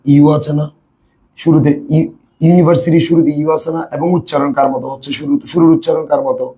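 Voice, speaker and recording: A man's voice: on the high side, flat delivery, fast, dark tone, dull audio. A man with a Bangladeshi Bengali accent, teaching a classroom lesson and repeatedly quizzing his students with questions. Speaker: English tutor.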